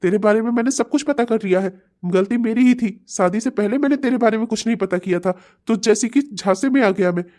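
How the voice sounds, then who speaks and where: Woman voicing a sly mocking cartoon man, lower pitch than usual, dark tone. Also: brisk, hardly any pauses, close to an everyday voice. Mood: furious. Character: smug, taunting man getting revenge, later furious. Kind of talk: Hindi cartoon comedy voice acting.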